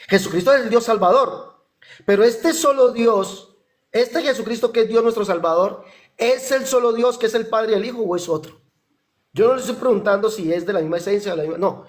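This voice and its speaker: A man in a heated religious debate who quotes scripture, repeats his points and accuses the other side. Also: sits high. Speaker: debater challenging a pastor.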